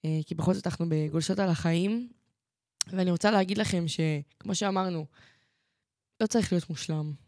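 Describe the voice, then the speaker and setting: A woman's voice: fairly low pitch, long pauses, darkish tone, no echo, clean studio sound. A woman co-hosting a talk show, telling personal stories in a chatty, reflective way. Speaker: co-host. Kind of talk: casual chat.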